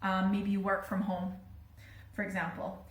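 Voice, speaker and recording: A woman's voice: medium pitch, monotone, normal speed, roomy sound. A woman with a British accent giving a casual tarot reading, talking in a chatty way with many fillers. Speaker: tarot reader.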